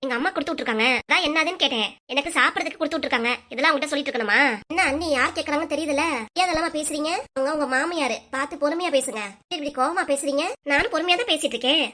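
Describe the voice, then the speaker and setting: A woman voicing the bickering family members of a cartoon, with a southern Tamil Nadu accent and a sharp, rapid-fire manner. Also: high voice. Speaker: cartoon voice performer. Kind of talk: quarrelsome family cartoon dialogue.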